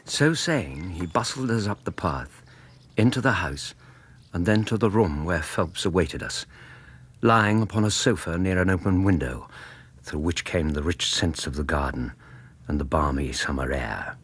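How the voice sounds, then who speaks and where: Genial British Victorian doctor, lowish, husky, literary storyteller, radio play. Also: male voice, expressive, unhurried, a bit bright, full character voice. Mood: measured, narrating. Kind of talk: radio drama acting and narration.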